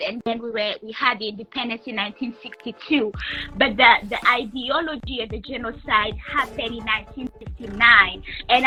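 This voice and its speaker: A woman's voice: fairly high pitch, pushed and bright, rough recording. A woman in her thirties from Rwanda, a guest telling her life story in an interview, speaking carefully with many restarts. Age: 30s. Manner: careful, halting, repeats and restarts while explaining.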